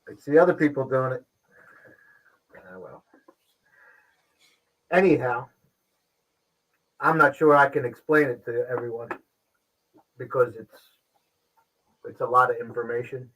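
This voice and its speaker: A man hosting a casual livestream show, talking with frequent pauses and restarts. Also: mid-range voice, fairly even intonation, a bit bright, poor audio. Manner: halting, pauses and restarts often. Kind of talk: casual live-stream talk.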